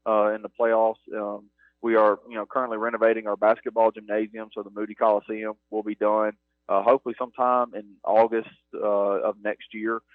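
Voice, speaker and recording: A man who runs stadium game operations is a guest on a halftime radio interview from the press box broadcast booth, talking earnestly and rambling with many "you know"s. His fairly low voice varies little in pitch and is a little fast, heard over a dry, narrow, phone-like broadcast with no echo.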